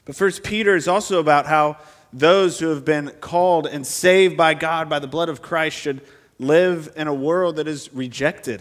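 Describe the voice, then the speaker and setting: Earnest male preacher at a pulpit microphone, voice pitched a bit high for a man, pressing the congregation with one question after another. He is preaching in a church sanctuary. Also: big-room sound. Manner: earnest, asks the congregation many rhetorical questions. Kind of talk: expository sermon.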